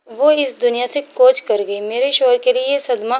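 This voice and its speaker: A woman narrating a first-person moral story in a steady, earnest way. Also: on the high side.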